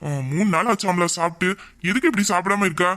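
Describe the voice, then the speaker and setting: A man playing a gentle, soothing young man. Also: high voice, quick pace. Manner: soothing, reassuring, patient. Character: gentle young man comforting his best friend. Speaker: voice actor in an audio drama. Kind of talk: emotional audio drama acting.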